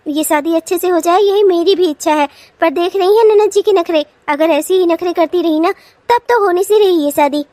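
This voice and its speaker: Role: elder daughter-in-law in a cartoon. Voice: a woman doing a smooth, persuasive young wife, slightly lower. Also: normal speed, mellow, dry recording. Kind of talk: cartoon voice acting.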